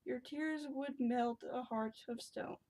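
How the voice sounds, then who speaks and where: A coaxing talking frog from a fairy tale, spoken in a fairly high voice by a woman reading aloud. It is a slow, gently bargaining storybook delivery. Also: recorded from a distance, poor audio.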